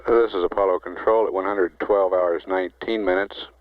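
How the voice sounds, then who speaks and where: A deep-voiced man gives official mission control status updates. His delivery is measured and halting, carried on a thin, phone-like 1960s broadcast line. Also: fairly even intonation, very noisy. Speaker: mission control public affairs announcer.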